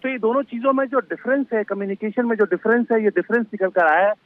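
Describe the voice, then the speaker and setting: A man, a sports correspondent, giving live analysis in a measured way with frequent filler pauses. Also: high-pitched, no room sound. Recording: slightly dull line with faint music.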